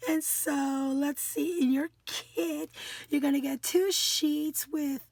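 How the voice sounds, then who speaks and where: A woman from the United States chatting casually as she unboxes craft supplies, giggling often and stumbling over her words. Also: high voice. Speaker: craft vlogger.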